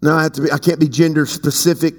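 High-voiced fervent male preacher in a reverberant hall. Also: little pitch movement, quick pace. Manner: fervent preaching that swings from booming shouts to hushed asides. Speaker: pastor. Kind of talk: sermon.

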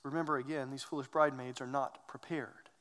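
A man's voice: medium pitch, fairly even intonation, a little fast, a bit bright, in a large hall. A man preaching a sermon, earnest and emphatic, asking rhetorical questions. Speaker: pastor.

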